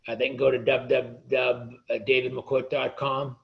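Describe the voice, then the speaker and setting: A man's voice: medium pitch, flat delivery, normal speed, gravelly, muffled recording. A male author, a guest on an interview podcast, speaking passionately and often repeating words as he argues. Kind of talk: casual interview chat.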